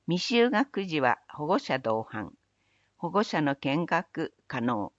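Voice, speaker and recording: A woman reading municipal event announcements in a measured, even recital of dates, places and phone numbers. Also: low-pitched, no echo, muffled recording. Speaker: city announcer. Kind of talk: scripted public announcement reading.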